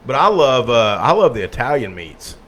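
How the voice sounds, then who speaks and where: A man's voice: mid-range voice, very animated, normal speed, fairly bright tone. Laid-back man joking around. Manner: laid-back, joking, calls himself a redneck. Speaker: podcast co-host. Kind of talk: casual chat.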